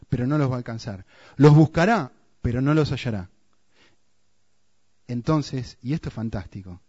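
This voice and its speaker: A man with a Rioplatense Spanish accent preaching a sermon, dropping to hushed emphasis and then rising into urgent, repeated phrases. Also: on the high side, dry recording, dull audio. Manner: swings between hushed emphasis and raised, urgent repetition.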